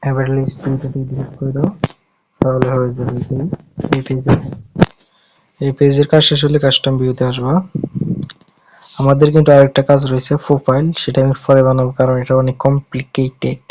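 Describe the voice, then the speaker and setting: Flat-voiced man giving casual tutorial steps. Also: mid-range voice, brisk, pauses often, lo-fi sound, noisy background. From Bangladesh. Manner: step-by-step instructions, casual, self-correcting. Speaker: tutorial host. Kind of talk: screen-recorded app-building tutorial.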